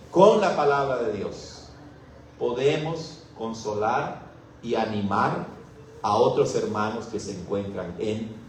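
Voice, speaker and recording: A man's voice: mid-range voice, darkish tone, slight background noise. A Mexican man preaching as a pastor, teaching through a Bible passage and putting questions to his congregation. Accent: Mexican Spanish. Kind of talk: expository Bible sermon. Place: church hall. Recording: very echoey room, mic far off.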